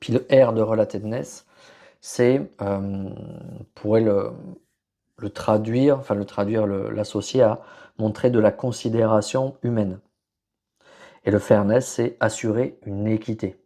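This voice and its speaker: Male podcast host, low-pitched, mellow tone, hesitant explanatory delivery. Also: fairly even intonation, measured pace. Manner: many fillers and restarts, searching for words. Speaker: podcast host presenting on leadership. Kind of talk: hesitant solo explanatory talk.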